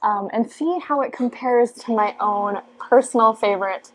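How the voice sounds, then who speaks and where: A woman's voice: fairly high pitch, normal speed, a little hiss or hum. A young woman, chatting casually in a cafe for her vlog, full of "like" and "um". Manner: bubbly, many fillers like "like" and "um". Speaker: vlogger. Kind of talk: casual chat. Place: cafe, indoors, on a couch.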